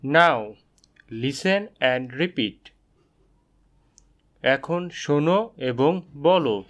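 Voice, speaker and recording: Very slow man teaching English. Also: on the high side, a bit bright. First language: Bengali. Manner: spells words out letter by letter and repeats them slowly. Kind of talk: slow, drilled English lesson with repetition.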